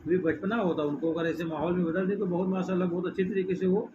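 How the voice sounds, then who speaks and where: A middle-aged man, teaching a religious lesson in a hall. He keeps asking his listeners questions and has them repeat phrases back. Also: high-pitched. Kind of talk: religious lesson with call-and-response. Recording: muffled with steady background noise.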